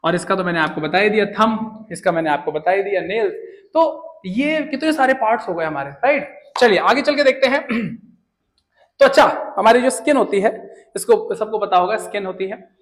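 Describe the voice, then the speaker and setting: Young guy teacher, fairly high voice, jokey and chatty, quizzes then answers himself. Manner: chatty, jokey, asks and answers his own questions. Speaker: English teacher. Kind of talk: casual Hindi spoken-English lesson.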